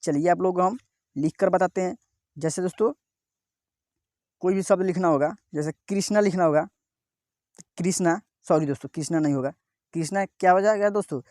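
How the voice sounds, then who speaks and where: A male teacher giving a step-by-step reading lesson, sounding out each syllable slowly and repeatedly asking his viewers "what, friends?". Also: high-pitched, a little mellow, no room sound, studio quality.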